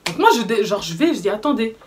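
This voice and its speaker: A young woman with a Belgian French accent, telling a story to camera in casual vlog chat, animated and indignant, with slangy fillers. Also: mid-range voice, quick pace, slight background noise. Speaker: vlogger.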